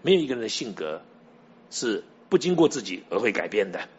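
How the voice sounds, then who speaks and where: Husky male pastor, chatty sermon. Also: lowish voice, very animated, a little fast, a little mellow, highs cut off. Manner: conversational storytelling, asks the listener directly.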